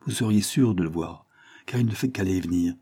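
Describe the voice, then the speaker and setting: A man voicing a calm, grave lawyer. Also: low voice, breathy edge. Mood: calm, firm. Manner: measured, counselling, grave. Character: calm, firm middle-aged male lawyer.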